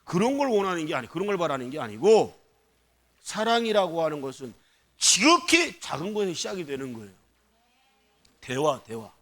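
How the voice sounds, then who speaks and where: A man preaching a sermon in a church. His voice runs a little high and bright, and it swoops up and down as he throws questions at the congregation and waits for them to answer. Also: normal speed, pauses often. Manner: animated preaching with call-and-response questions to the congregation. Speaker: pastor. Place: church sanctuary.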